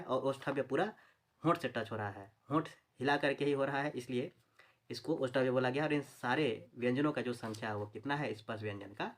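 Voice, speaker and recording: A man with a slightly high, fairly bright voice and a Chhattisgarhi Hindi accent teaches a Hindi phonetics lesson for exam prep. He repeats terms and poses questions to the viewer before answering them himself.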